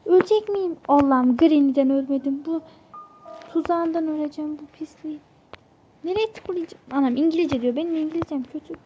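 A woman with a high voice gives casual let's-play commentary over a horror game. She slips into whispers when she sneaks and swears loudly when startled. The sound comes through a phone's screen recorder, with a faint hiss underneath. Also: a little fast, muffled recording. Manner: swears freely, drops to whispers when sneaking, bursts into alarmed exclamations. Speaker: mobile horror game player. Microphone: phone screen recorder mic.

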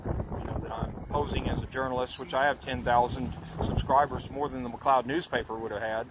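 A man's voice: mid-range voice, steady tone, brisk. Emphatic man in his fifties, street noise. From Oklahoma. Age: 50s. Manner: emphatic, insistent about his rights. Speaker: YouTube channel host, gun rights activist. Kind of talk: casual street conversation. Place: outdoors on a street.

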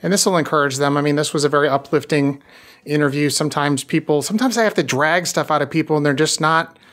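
This man's voice runs a little high and a bit bright. He's hosting a business podcast, talking casually with a guest in an eager, wandering way and stretching out his phrases.

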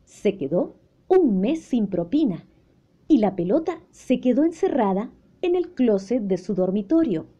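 A woman narrating a children's story in a slow, gentle, expressive way. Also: on the high side, slightly rough, highs cut off.

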